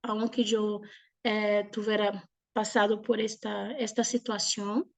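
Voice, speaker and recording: A Brazilian woman in her forties, a native Portuguese speaker, gives an informal religious testimony in a halting mix of Portuguese and Spanish. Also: mid-range voice, flat delivery, vocal fry. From southern Brazil. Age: 40s. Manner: hesitant, halting, with frequent pauses. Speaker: speaker giving a personal testimony.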